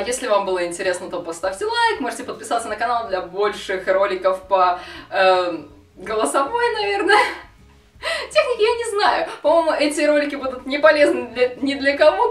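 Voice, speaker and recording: A young adult woman giving a casual, improvised tutorial, rambling and giggly as she hosts. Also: on the high side. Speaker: video host, cosplayer teaching voices. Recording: roomy, distant microphone.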